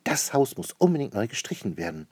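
A man voicing a cheerful, easygoing male figure in a children's story, talking in a bright, upbeat way. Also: on the low side, big pitch swings, brisk, slightly rough, dry recording.

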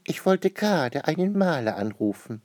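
A man voicing an upset wealthy lady who owns the house, wailing in a high, drawn-out voice. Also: big pitch swings, a little mellow, no room sound, clean studio sound. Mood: polite.

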